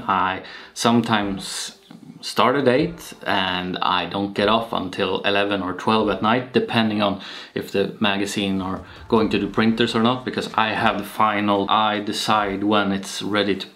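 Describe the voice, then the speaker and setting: Recorded through a shotgun mic on his camera, a young man from Sweden vlogs from a small, shelved room at home. His voice is on the low side, his Swedish accent audible, and he speaks in a slow, relaxed way full of pauses and filler words.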